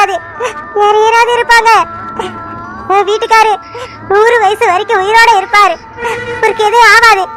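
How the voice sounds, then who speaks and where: A woman's voice: extremely high pitch, pushed and bright, poor audio. A woman voicing a grieving village wife who wails and pleads through tears in a cartoon. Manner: wailing, pleading. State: crying.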